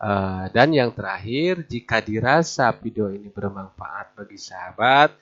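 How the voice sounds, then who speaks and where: Slow, patient male Quran teacher, lo-fi. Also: fairly low pitch, lively intonation, fairly bright tone. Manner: slow, patient, repeats each example several times, drawn-out recitation. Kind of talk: tajwid lesson for beginners. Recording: dull lo-fi recording.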